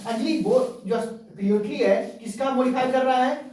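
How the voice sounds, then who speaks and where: A woman teaching a grammar lesson to a class, repeating each point slowly and asking rhetorical check questions. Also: sits high, dark tone. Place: classroom with students. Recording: very echoey room, voice from far off.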